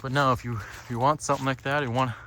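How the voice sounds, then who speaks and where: This solo podcaster's medium-pitched voice is bright and forceful, with fairly even intonation and a very fast pace. He rambles and reflects casually, muses with plenty of swearing, and often ends phrases with "right?". The lakeside trail setting brings outdoor ambient noise and birds.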